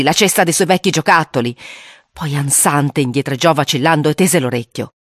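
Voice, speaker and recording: A reader narrating a spooky children's story aloud in an expressive way, acting out the voices. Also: medium pitch, no room sound, studio quality.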